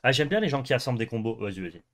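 A man's voice: medium pitch, very animated, rapid-fire, fairly bright tone. A young man co-hosting a card game stream, chatting casually, swearing and laughing often. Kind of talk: casual gaming chat.

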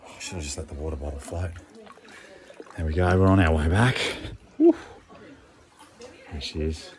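A man's voice: very deep voice, moderate pace. A middle-aged man, chatting casually and slangily to camera in a laid-back way as a vlogger. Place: outdoor rocky canyon in shallow water. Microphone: phone at arm's length. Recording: watery outdoor noise, phone video. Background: splashing, running water.

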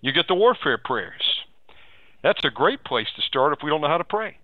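With a sing-song, high-leaning voice at normal speed, a man preaches and counsels live on the radio. He keeps exhorting, repeating phrases, and steering listeners with leading questions. The audio is tinny and phone-like, with no echo.

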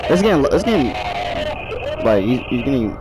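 A young man commentating a horror game as he plays, joking around and yelling in mock panic. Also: medium pitch, sing-song, moderate pace, loud music behind the voice, low-quality recording. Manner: loud, jokey, yelling in panic. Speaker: gaming YouTuber.

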